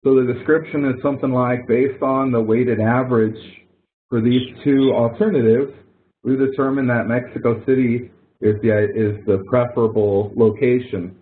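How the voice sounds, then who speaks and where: In an online web conference, a man acts as instructor for a help session, casually walking through a spreadsheet exercise on screen share. He explains each step in a folksy, informal way, his medium-pitched voice steady and moderately paced. The audio is muffled and narrow, like a phone line.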